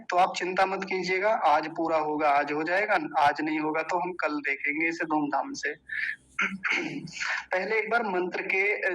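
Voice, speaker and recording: A man teaching the pronunciation of a Sanskrit mantra, breaking words into syllables and repeating them slowly and carefully. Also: high-pitched, a bit bright, rough recording. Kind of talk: recitation lesson.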